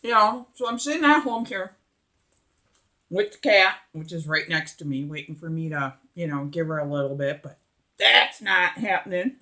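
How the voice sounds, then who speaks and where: Bright, forceful middle-aged woman chatting while eating. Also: fairly low pitch, expressive, moderate pace. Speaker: mukbang vlogger. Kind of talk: casual chat while eating.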